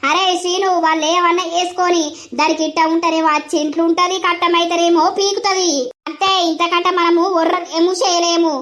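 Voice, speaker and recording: A woman's voice: extremely high pitch, flat delivery, fairly bright tone. Woman voicing a scolding cartoon mother-in-law. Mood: defiant. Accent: Telangana Telugu. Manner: fast, scolding rant. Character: sharp-tongued mother-in-law, defiant and scolding.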